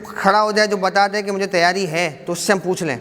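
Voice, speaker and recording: A man teaching an Arabic class, briskly quizzing students and encouraging them not to be shy. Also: sits high, fairly even intonation, fairly bright tone. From Pakistan. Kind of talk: classroom quiz lesson. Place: mosque hall. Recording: echoey hall with background noise.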